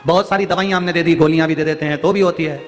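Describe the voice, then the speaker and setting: A man's voice: a little high, steady tone, racing. A man preaching a devotional sermon to a crowd in a large pavilion, telling stories, repeating phrases and rising to emphatic peaks. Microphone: public address microphone. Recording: long hall reverb, soft music behind.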